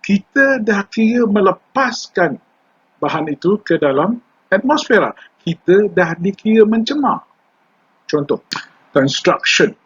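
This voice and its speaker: A man's voice: sits high, sing-song, a little slow, breathy edge. An older man with a Malaysian Malay accent, teaching environmental law in a chatty lecture style, mixing English terms into his Malay and putting questions to the class. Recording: dull lo-fi recording.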